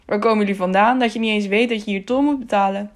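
A woman's voice: mid-range voice, fairly even intonation, quick pace, lightly acted. A woman voicing a stern middle-aged toll guard who lectures in an officious, indignant manner.

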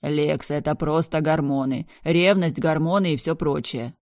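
A woman voicing an alarmed young brother who keeps shouting urgent warnings, with a dry close sound. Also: low-pitched, a little slow, no room sound. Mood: urgent pleading. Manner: urgent, pleading, raised voice.

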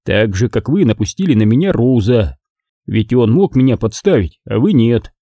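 A man's voice: mid-range voice, very animated, normal speed, mellow, no echo, studio quality. A man voicing a dogged male investigator who presses blunt accusations. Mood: accusing.

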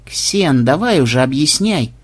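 A man voicing a practical young woman who talks in a brisk, matter-of-fact way, in an audiobook. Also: on the high side, expressive, slightly rough. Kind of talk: audiobook character voice.

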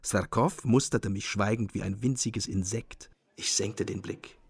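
Husky male narrator, brooding. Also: fairly low pitch, steady tone, a little slow. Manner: brooding, bitter first-person storytelling. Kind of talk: radio drama narration.

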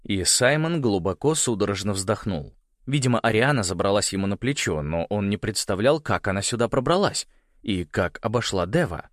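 A man reading a novel aloud in expressive scripted narration. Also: on the low side, normal speed, dry recording, clean studio sound. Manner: expressive storytelling. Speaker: audiobook narrator.

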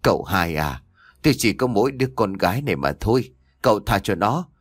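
A man's voice: on the low side, sing-song, fairly quick, breathy edge, no room sound, clean studio sound. A man doing a remorseful old village father. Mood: pleading. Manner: pleading then shouting, emotional.

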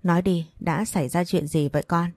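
A woman's voice: lowish voice, fairly even intonation, fairly quick, a little mellow, no echo, lightly acted. A woman reading a worried, loving mother pressing her daughter. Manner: pleading, urgent questioning. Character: worried mother, poor, stern but loving.

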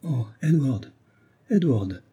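A man's voice: mid-range voice, expressive, takes it slowly, dark tone, husky, lo-fi sound, pitched above the performer's own voice, heavily acted. A man reading an audiobook and voicing a frightened young bride who cries out. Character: pale trembling young bride.

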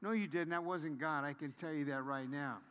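A man's voice: fairly high pitch, moderate pace, fairly bright tone, smooth, long reverb tail. A man preaching a sermon, repeating key points and pressing them home with rising emphasis.

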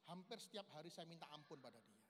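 A man gives an emotional church testimony, swinging from loud, high outbursts to hushed, low passages and calling the audience his brothers. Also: big pitch swings, quick pace. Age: 40s. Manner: keeps addressing the audience as brothers. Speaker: lay preacher giving a testimony. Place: large reverberant hall at a men's camp. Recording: reverberant hall, faint background noise.

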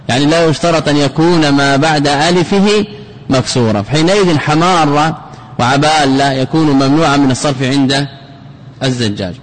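A man's voice: fairly high pitch, low-quality recording. A man teaching a classical grammar lesson, asking questions and answering them himself and repeating key words.

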